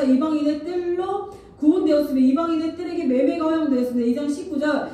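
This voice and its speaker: High-voiced woman preaching in an echoey hall. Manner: animated preaching, acting out Jesus's angry words. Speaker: pastor. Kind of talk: sermon. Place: church sanctuary. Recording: echoey church hall, voice from far off the mic.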